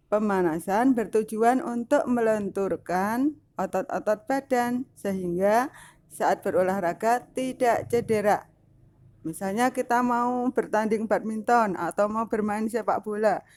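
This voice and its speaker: A woman teacher explains a lesson to small children in a patient, step-by-step way. She pauses with fillers as she works out each example. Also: medium pitch, a little mellow. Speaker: primary school teacher.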